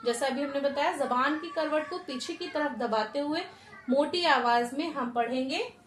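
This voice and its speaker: A woman teaching Quranic pronunciation step by step, patient and repeating each sound slowly with frequent checks for understanding. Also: sits high, slight background noise. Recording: echoey room.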